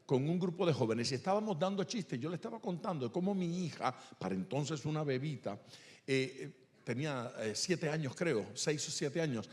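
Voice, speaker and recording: Animated storyteller man. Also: fairly high pitch, moderate pace. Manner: animated storyteller, acts out voices. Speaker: speaker answering questions. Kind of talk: Q&A talk at a church men's event.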